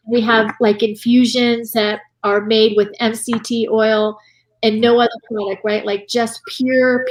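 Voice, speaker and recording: A middle-aged woman, a guest in a casual interview, telling her business story in an animated way and often checking in with "right?". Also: on the high side. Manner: animated, tags lines with "right?" and "you know".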